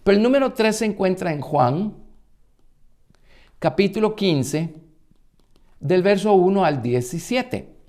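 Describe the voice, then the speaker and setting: A man's voice: high voice, expressive, measured pace, pauses often, a little mellow. A male pastor with a Guatemalan Spanish accent teaching a Bible study in a conversational sermon, with frequent fillers and restarts.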